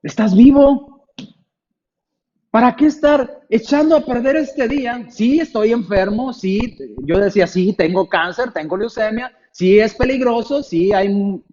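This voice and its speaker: High-voiced preacher in his forties. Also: normal speed, muffled recording. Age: 40s. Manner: expressive, acts out frightened voices in anecdotes. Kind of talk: sermon. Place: church.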